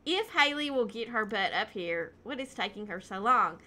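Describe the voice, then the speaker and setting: A woman's voice: medium pitch, lively intonation, moderate pace, sharp tone. A woman casually narrating a life-simulation game, telling the story in a chatty way with lots of "you know" and "um". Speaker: gameplay narrator.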